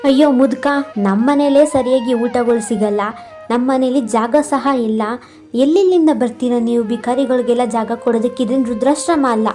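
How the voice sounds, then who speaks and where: A woman's voice: a little high, normal speed, dark tone, faint music behind, lightly acted. A woman voicing a rich, haughty older sister in a cartoon, scolding and contemptuous. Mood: scornful.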